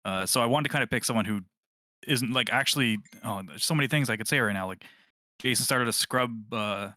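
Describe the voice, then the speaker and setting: A man's voice: medium pitch, brisk, pushed and bright, no room sound, clean studio sound. A man co-hosting a casual gaming podcast, rambling and correcting himself as he talks. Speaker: podcast co-host.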